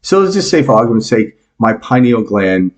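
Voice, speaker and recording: A New York man in his fifties, a meditation teacher appearing as a podcast guest, speaks at a normal speed with a medium pitch that swings widely. His talk is a casual interview, full of jokes and ideas explained through homely examples.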